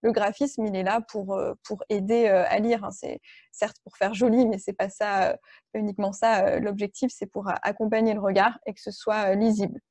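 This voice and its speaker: A woman presenting an online training session, walking her audience through each point with a patient, explanatory manner. Her voice is warm and mellow, of middle pitch, and the recording is dry and close with no room echo. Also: level tone, brisk. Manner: explanatory, many fillers and restarts. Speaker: workshop trainer.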